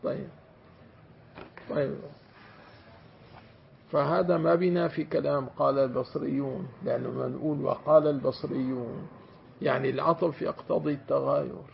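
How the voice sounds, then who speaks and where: Gravelly sheikh lecturing students. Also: male voice, mid-range voice, steady tone, normal speed, pauses often. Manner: stretches out words to demonstrate them, checks that students follow. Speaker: sheikh teaching Quranic commentary. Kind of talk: classroom lecture on grammar. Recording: dull lo-fi recording with faint hiss.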